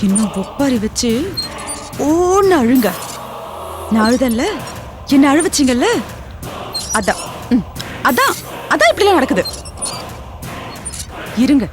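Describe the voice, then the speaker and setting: A woman's voice: high voice, lightly acted. An actress playing a scheming woman who stirs up family trouble, gloating in private and faking concern, in a TV serial. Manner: gloating and sly, fake concern in company. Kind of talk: TV serial acting. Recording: TV soundtrack with music underneath.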